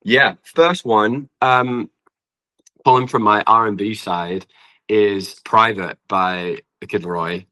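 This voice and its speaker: A lowish, bright and forceful male voice moves slowly with fairly even intonation over poor audio. He's a young Brit, a musician guesting on a casual podcast, effusive and informal, often pausing and saying "like."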